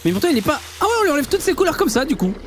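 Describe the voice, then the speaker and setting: Animated young man with a French accent. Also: extremely high pitch, racing. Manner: animated, slangy, exclamatory. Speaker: reaction video host. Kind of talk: casual reaction commentary.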